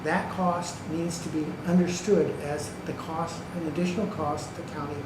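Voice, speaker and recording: His voice is a little high and steady, moving at a normal speed as he delivers public comment at a county meeting. He makes his points with emphasis and checks in using "okay" and "right," in an echoey county government meeting room with background noise.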